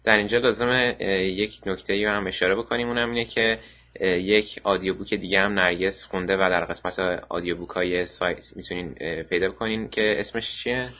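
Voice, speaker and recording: A man's voice: low voice, steady tone. A man hosting a radio podcast, chatting casually and hesitantly. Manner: hesitant, many "uh" fillers. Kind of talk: casual chat. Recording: muffled lo-fi recording.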